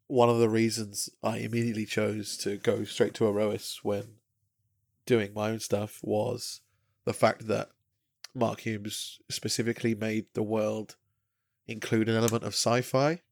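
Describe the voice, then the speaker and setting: Guy with a gravelly voice rambling about his game world, lots of uhs, dry mic. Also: fairly low pitch, level tone, unhurried, no room sound. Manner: rambling, jokey, many fillers. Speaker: podcast co-host and game master. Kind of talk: casual podcast chat.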